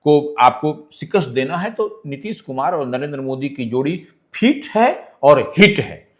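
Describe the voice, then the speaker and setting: A man's voice: a little high, lively intonation, unhurried. Emphatic man explaining politics. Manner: explanatory, emphatic, asks listener to decode. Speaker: political analyst. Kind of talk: news discussion.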